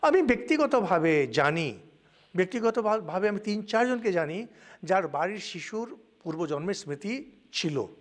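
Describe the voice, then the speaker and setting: A man, an older monk from India with a Bengali accent, giving a spiritual lecture with animated storytelling and English words mixed in. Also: high voice, normal speed.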